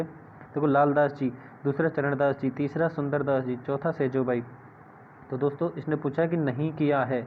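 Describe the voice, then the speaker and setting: A man gives an exam-prep lesson, slightly high in pitch, often asking a question and repeating the answer. The audio is thin and phone-like, with a faint hiss underneath. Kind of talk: classroom-style exam lesson.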